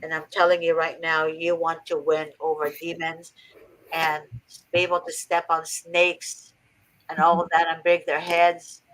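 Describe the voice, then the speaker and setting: A woman's voice: sits low, monotone, unhurried, a bit bright, slight background noise, poor audio. A woman from Egypt hosting a faith-based advice talk, earnest and preachy with emphatic repetition. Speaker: host.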